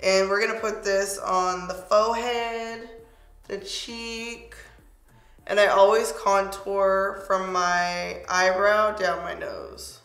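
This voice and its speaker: Taking her time in a steady, slightly bright voice, a young beauty vlogger talks through her makeup routine in a chatty, playful tutorial, applying products as she goes. She's close to the camera in a small pink-backdrop home studio; her voice is a little hoarse and squeaky, and a noticeable room echo carries.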